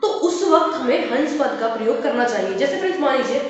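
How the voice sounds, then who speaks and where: High lively woman teaching, echoey room. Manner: addresses viewers as "friends" again and again, explains slowly with examples. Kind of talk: classroom-style grammar lesson. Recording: echoey, dull lo-fi room recording.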